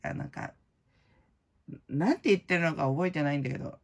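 A middle-aged woman hosting her own channel, chatting casually in a blunt, slangy way full of fillers, and loud-voiced by her own account. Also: sits low, lively intonation, brisk, creaky. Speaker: prize-winning vlogger host. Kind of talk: casual chat.

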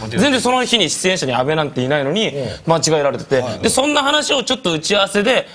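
A man from a comedy duo begins a comic story on a TV panel. He talks fast and matter-of-factly, in a somewhat high voice. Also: very animated, a bit bright.

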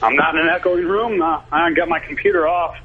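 A man's voice: a little high, fairly quick, husky. Young man calling in on speakerphone. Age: 20s. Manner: casual, hesitant, with frequent restarts. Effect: sounds like he is on speakerphone. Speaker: radio show caller. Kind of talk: call-in radio chat. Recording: tinny phone line.

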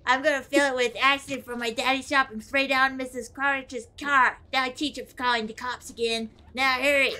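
A demanding cartoon brat of a boy, whiny and bossy, as a woman puts him on. The voice sits high and a little thin, nagging and full of entitlement. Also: level tone, normal speed, hardly any pauses, noisy background, natural voice.

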